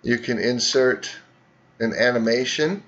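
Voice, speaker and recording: A man's voice: medium pitch, unhurried, a bit bright, muffled recording. A man teaching students, narrating a screen tutorial and talking through each click step by step.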